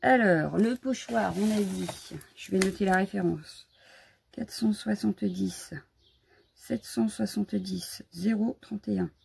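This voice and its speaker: A woman's voice: medium pitch, unhurried, vocal fry, a little mellow, slight background noise. A woman hosting a casual live crafting stream from home, chatty and a bit scattered, greeting viewers as she shows her supplies. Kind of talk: casual live unboxing chat.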